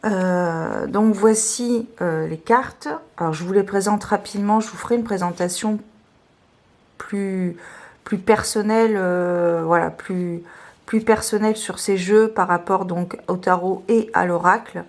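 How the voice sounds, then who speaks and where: A woman presenting her tarot decks in a casual video, talking hesitantly with many fillers and restarts, a little hoarse. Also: medium pitch, steady tone, unhurried, a little mellow. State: slightly hoarse, clearing her throat.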